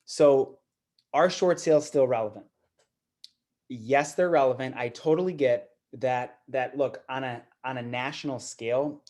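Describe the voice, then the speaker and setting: A man's voice: medium pitch, a little mellow. Casual man teaching real estate seminar. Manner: conversational, repeats words, fillers like "you know". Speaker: guest speaker at investor meeting.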